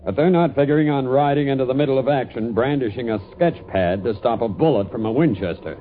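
Actor as stern army general, tinny old radio. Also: male voice, mid-range voice, quick pace, slight background noise, lightly acted. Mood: stern, warning. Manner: blunt, commanding. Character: gruff, stern middle-aged army general. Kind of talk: old radio drama acting. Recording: phone-like, thin old radio recording.

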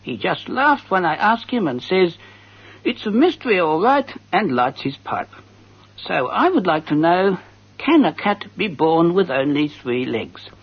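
An actor playing an earnest radio advice host, answering letters in a mock-serious, deliberate, conversational way and speculating darkly. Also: male voice, high voice, sing-song, slightly rough, heavily acted. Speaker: advice show host reading listeners' letters. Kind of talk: comic radio monologue, reading and answering letters. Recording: slightly dull radio recording.

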